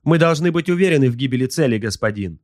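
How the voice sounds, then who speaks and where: A man putting on a dutiful lookout slave in a sci-fi audiobook, his voice lifted high above his own as he reports in formal tones. The sound is close and dry. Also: expressive, fast talker, a little mellow, no room sound, close to an everyday voice. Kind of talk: audiobook character voice.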